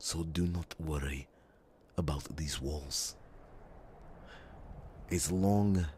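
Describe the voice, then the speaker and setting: Voicing a stern, resolute warrior for an ASMR fantasy roleplay, a man speaks with solemn deliberation and dramatic pauses. His breathy, gravelly rumble is delivered in an exaggerated way.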